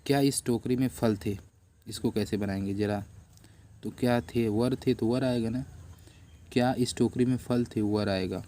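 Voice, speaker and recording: A middle-aged man teaching English translation, spelling words out letter by letter and repeating them slowly as viewers copy along. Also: mid-range voice, steady tone, mellow. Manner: addresses viewers as friends, patient. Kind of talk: classroom-style lesson, slow dictation. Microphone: camera on a notebook while writing.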